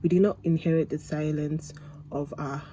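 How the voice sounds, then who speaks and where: Young woman vlogger, rambling and casual, warm dark tone, slight room noise. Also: low-pitched, fairly even intonation, normal speed, rough recording. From Nigeria. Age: young adult. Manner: chatty, rambling, with many fillers. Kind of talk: casual talk to camera.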